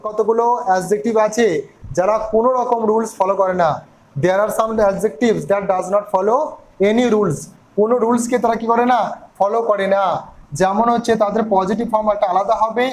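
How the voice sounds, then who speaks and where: A man's voice: high-pitched, low-quality recording. A man teaching an English grammar lesson, spelling words out letter by letter and asking his listeners questions.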